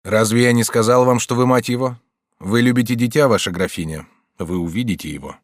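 A man's voice: mid-range voice, fairly quick, dry recording, studio quality, close to an everyday voice. Man playing a firm, insistent doctor. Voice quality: steady, insistent questioning. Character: calm, firm male doctor and hypnotist. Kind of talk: audiobook character reading.

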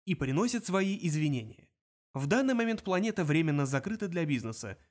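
A man's voice: a little high, very animated, fairly quick. A silky, courteous recorded announcer, as a male reader puts him on, each polite phrase edged with cold menace. A storybook voice of charming threat. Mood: menacing.

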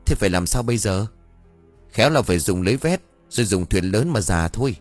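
Man doing a worried villager, brisk, fretful, practical, near his plain voice. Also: fairly low pitch, lively intonation, faint music behind, natural voice.

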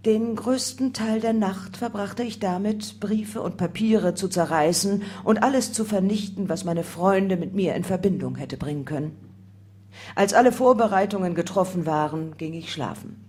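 A woman reading a first-person memoir aloud in calm, measured narration. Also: medium pitch. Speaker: audiobook reader.

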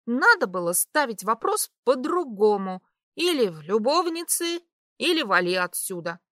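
A woman voicing an excitable, tipsy young woman who goes high and loud when upset. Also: normal speed, no room sound, clean studio sound. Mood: indignant.

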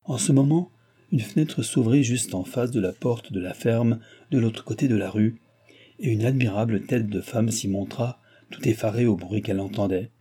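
A man reading a classic novel aloud as an audiobook, in a measured storytelling voice. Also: on the low side, dark tone, breathy edge. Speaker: audiobook narrator. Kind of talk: scripted audiobook narration.

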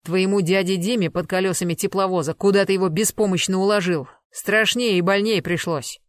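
Brief: a reader doing a hulking male bodyguard, loud and threatening, dry close read. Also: high voice, steady tone, fairly quick, no room sound, close to an everyday voice. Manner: loud, bullying, interrogating. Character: burly menacing male bodyguard, rough and threatening.

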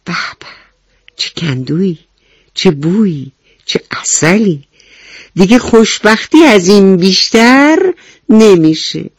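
A woman voicing an eager, greedy little ant in a children's radio story, in a high, excited voice that calls out. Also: dry recording, lightly acted. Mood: delighted.

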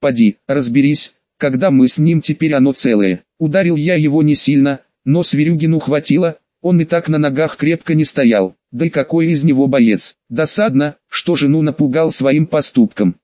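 A male narrator tells a first-person story at a measured pace. His voice sits a little high for a man. The recording is dry and slightly muffled. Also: no echo. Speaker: audiobook narrator. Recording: dull, dry audiobook recording.

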